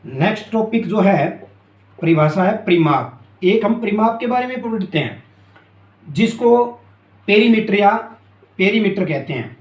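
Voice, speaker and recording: A man teaching a math lesson at a board, repeating key terms and often asking if it is clear. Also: high voice, expressive, a little slow, long pauses. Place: classroom with a board. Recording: echoey room.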